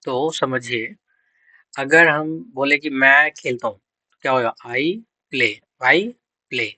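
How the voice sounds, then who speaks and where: A man's voice: medium pitch, steady tone, slow pace, sharp tone, dry recording, poor audio. A man teaching English grammar for exam prep. He quizzes students, answers his own questions and spells out words letter by letter.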